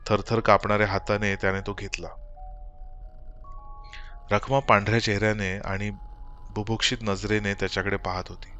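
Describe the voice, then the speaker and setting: A low-pitched male voice reads a horror story in slow, measured sentences. Faint music plays under the narration. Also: level tone, bright, forceful tone. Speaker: audiobook narrator.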